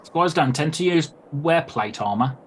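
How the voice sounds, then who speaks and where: A man doing a gruff, swearing dad. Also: fairly high pitch, animated, measured pace, slight background noise, pitched above the performer's own voice. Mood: angry. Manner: blunt, swearing, threatening. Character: gruff middle-aged male cannery worker, angry father.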